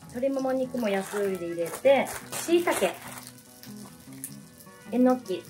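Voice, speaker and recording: A woman's voice: on the high side, lively intonation, takes it slowly. A woman of around thirty, chatting casually as she narrates home cooking. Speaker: home cooking and drinking vlogger. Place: home kitchen and dining table. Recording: music behind the voice.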